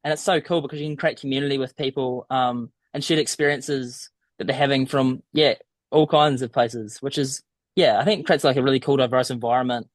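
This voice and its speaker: A young man from a small town in southern New Zealand, with a broad local accent, is a podcast guest who is studying abroad. He speaks fairly quickly in a steady, mid-range voice on a dry recording, chatting casually and a bit hesitantly in the interview.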